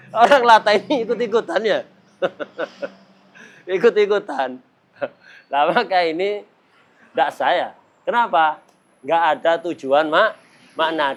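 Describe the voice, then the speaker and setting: A man teaching a religious lesson, playful and quick to laugh, mimicking people for examples. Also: fairly high pitch. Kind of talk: kitab study lesson.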